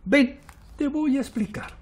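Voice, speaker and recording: A man voicing a loving, patient father in a children's storybook, speaking in a warm, consoling way. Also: extremely high pitch, unhurried, voice pushed up. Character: loving, reassuring father blob.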